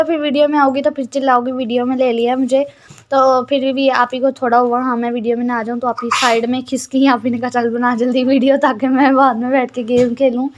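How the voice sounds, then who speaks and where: A woman's voice: sits high, lo-fi sound. A teenage girl narrating a casual home vlog, chatty and complaining about her sisters. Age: teens. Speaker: vlogger.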